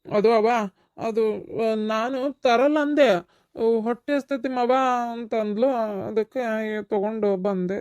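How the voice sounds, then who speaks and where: A woman's voice: fairly high pitch, unhurried, pauses often, darkish tone, muffled recording, voice pushed down, close to an everyday voice. A woman voicing a meek young husband in a cartoon, hesitant and placating in a North Karnataka accent. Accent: North Karnataka Kannada. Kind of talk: cartoon voice acting.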